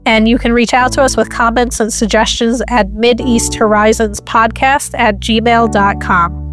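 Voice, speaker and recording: A woman's voice: on the high side, steady tone, a little slow, soft background music. A woman co-hosting a podcast, chatting casually with frequent "like" fillers and laughing asides. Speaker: podcast co-host and political correspondent.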